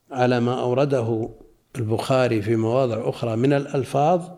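Male religious teacher, warm low-key voice, measured reading with everyday explanations. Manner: slow, deliberate reading with spoken asides. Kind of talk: reading and explaining a classical text.

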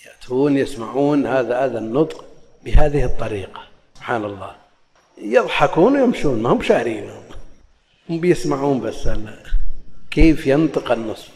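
A man's voice: medium pitch, expressive, brisk, long pauses, a little mellow. Man teaching in a reverberant hall. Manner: explanatory, shifts between classical recitation and colloquial dialect. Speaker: Islamic scholar teaching hadith. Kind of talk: religious lesson, explaining hadith.

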